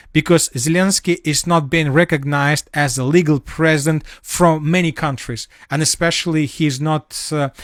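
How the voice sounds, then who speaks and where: A man with a manner giving a solo spoken analysis of war news, halting often with fillers and restarts. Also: on the high side, dry recording, studio quality. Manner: halting, many fillers and restarts, non-native phrasing.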